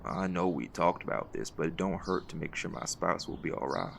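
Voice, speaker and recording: In an audio roleplay, a man plays a seasoned, folksy hunt leader, gravelly and reassuring with a fond teasing streak. His low-pitched voice moves fairly quickly and sounds warm and reflective, though the recording is very noisy.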